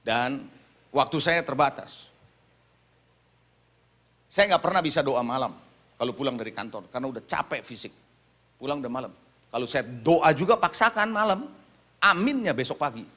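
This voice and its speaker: A man's voice: medium pitch, expressive, moderate pace, pauses often, a bit bright. A middle-aged man with an Indonesian accent, preaching a sermon and calling out to the congregation for amens. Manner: preaching with audience call-outs. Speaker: pastor.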